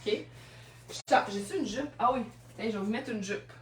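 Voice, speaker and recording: A woman's voice: medium pitch, fairly quick. Chatty Québécois woman, roomy and distant. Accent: Québécois French. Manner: chatty, storytelling, laughs often. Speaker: second-hand clothing seller. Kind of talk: live-stream selling chat. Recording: roomy sound from off-mic.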